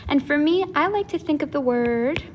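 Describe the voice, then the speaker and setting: Friendly woman teaching sounds, slightly high. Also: lively intonation, a little hiss or hum. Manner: friendly, explains slowly and repeats sounds. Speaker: Spanish teacher. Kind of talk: casual video lesson.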